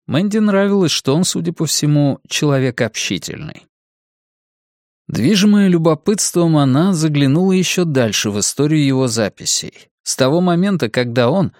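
A man narrating an audiobook in a measured, even storytelling manner. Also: medium pitch, no echo, clean studio sound. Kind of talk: scripted narration.

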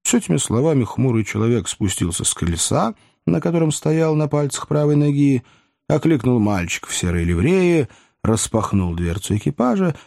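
Expressive, low-voiced male audiobook reader. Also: creaky, no room sound, studio quality. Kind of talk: scripted narration of a classic novel.

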